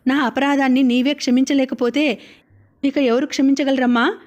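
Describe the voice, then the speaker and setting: A woman's voice: sits high, fairly even intonation, normal speed, darkish tone, lightly acted. A woman reading the lines of a troubled young husband who earnestly pleads with his mother. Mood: pleading.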